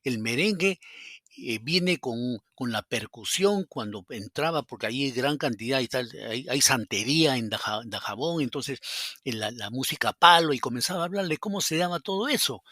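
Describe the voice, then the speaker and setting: A man's voice: medium pitch, lively intonation, moderate pace, bright, forceful tone, no room sound, clean studio sound. A Peruvian man, a psychologist guest on a podcast, telling anecdotes in a rambling, casual way, with many fillers and acted-out quotes. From Peru.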